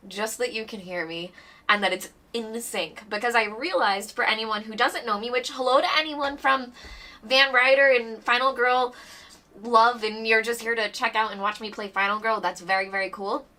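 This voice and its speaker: A woman chatting excitedly on a board game live stream, bubbly and rambling, a little out of breath. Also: on the high side, normal speed, recorded from a distance. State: a bit out of breath. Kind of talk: casual live-stream chat.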